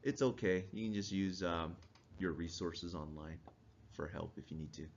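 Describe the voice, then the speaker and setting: Man lecturing casually, lower-pitched voice. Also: normal speed, gravelly, a little hiss or hum. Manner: casual, quizzes the class, chuckles. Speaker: instructor. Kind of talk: classroom lecture. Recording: dull lo-fi recording.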